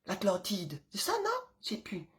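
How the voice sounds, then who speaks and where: A middle-aged mother talks casually to her viewers in a rambling, animated way. She fills pauses with hesitations and often drops into whispered asides. Her voice sits at an ordinary mid pitch for a woman. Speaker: vlogger, mother of several children. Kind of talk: casual chatty monologue to camera.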